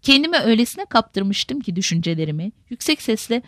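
A woman narrating a novel in a measured, literary manner. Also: on the high side, very animated, dry recording, studio quality. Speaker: audiobook narrator.

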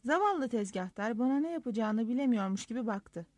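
A woman reads a first-person diary story as an audiobook. Her delivery is lively and expressive, and her voice sits somewhat high. The recording is close and dry. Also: fairly quick, no echo. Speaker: audiobook narrator.

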